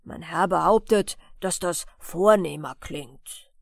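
A woman voicing a proud, chatty male circus horse who talks a little louder and with a grand, sociable air in a bedtime audiobook. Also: fairly low pitch, slow pace, gravelly, no echo, studio quality, voice pushed down, full character voice. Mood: boastful.

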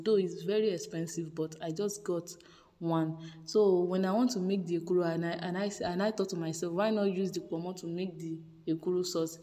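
A Nigerian cooking vlogger chats through a casual voice-over for her home cooking vlog, repeating words for emphasis. Her voice is on the low side and warm, with a big-room sound.

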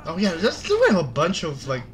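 A man playing a video game with a friend, joking around, laughing and shouting at the action. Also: fairly high pitch, wildly swooping pitch, fairly quick. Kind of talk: casual gaming chat.

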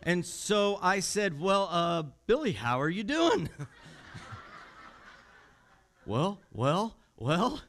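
A man with a Midwestern American accent preaching a conversational sermon, telling a story and acting out the voices of the people in it. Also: sits high. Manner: conversational, acts out quoted voices, repeats words when starting. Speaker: pastor. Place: church sanctuary.

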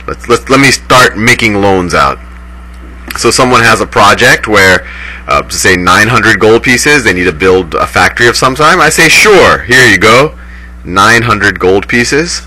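A man teaching a banking lesson step by step, often restarting and correcting himself, heard through poor-quality streamed sound. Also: bright, forceful tone. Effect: poor-quality sound, like a low-grade stream. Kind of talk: recorded lecture, thinking aloud.

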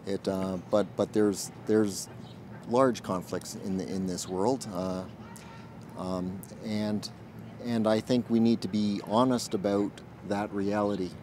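A man in his forties, a military chaplain, answers interview questions outdoors in an earnest, thoughtful way and pauses often to find his words. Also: on the low side, fairly even intonation, noisy background. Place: outdoors in a garden.

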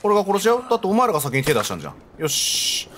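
A man commentating his gameplay, joking and yelling at characters on screen. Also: high-pitched, very fast, background noise. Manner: animated, joking, talks back at the screen. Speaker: let's play streamer. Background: game music.

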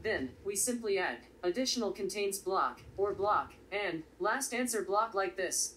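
A woman's voice: mid-range voice, expressive, a little slow, fairly bright tone. Woman narrating a coding tutorial, slightly distant. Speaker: tutorial presenter. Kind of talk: step-by-step software tutorial narration. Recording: slightly distant voice with faint background noise.

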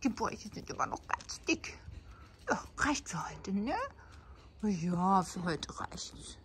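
A woman's voice: mid-range voice, expressive, slow pace, fairly bright tone, slight background noise. Chatty older woman whispering to animals. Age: 60s. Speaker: vlogger. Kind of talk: casual vlog chat. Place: outdoors, then at home at night.

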